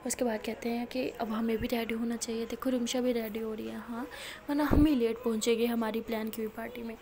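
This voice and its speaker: A woman narrates a love story in a casual, conversational retelling. Her voice is high with a gravelly fry, and she keeps the retelling dramatic. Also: steady tone, a little fast, warm tone.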